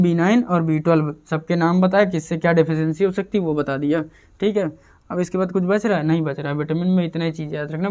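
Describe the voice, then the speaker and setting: A man's voice: fairly high pitch, a little mellow. A man giving a casual exam-prep chemistry lecture, repeating terms and asking and answering his own questions. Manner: repetitive drilling, asks and answers own questions. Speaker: chemistry teacher.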